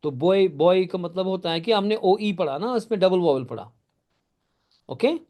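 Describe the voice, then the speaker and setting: This male teacher has a high-pitched, warm, animated voice and talks at a normal speed. Leading a live class, he walks through material step by step, names students, responds to their typed questions, checks understanding, and praises their answers.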